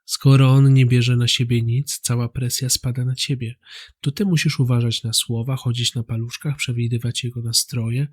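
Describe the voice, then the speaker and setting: A calm man with a pitch in the middle for his sex reads a scripted narration. He speaks straight to the listener in a steady, even way, like the host of a psychology channel. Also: normal speed.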